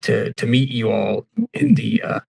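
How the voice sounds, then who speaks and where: Man playing a fumbling prison guard, husky, apologetic, stammering, rambling. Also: mid-range voice, very animated, unhurried, darkish tone, full character voice, rough recording. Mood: flustered. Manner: stammering, rambling, overly polite.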